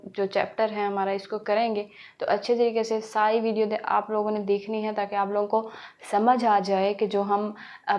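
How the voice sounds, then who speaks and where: A woman's voice: mid-range voice, a little mellow. A woman teaching a recorded tajweed lesson, patient, repeating key points and answering her own questions. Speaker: Quran teacher.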